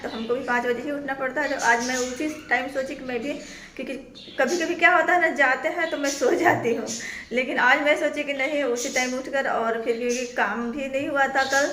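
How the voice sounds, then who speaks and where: A young woman from India talks through her day in a casual home vlog. Her voice sits fairly high, and she rambles along chattily, linking each thought to the next in an easy voice-over. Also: pushed and bright. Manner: chatty, rambling, repeats "kyunki" and "na"; speaks as a voice-over, not to camera. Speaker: vlogger. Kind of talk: casual daily routine vlog.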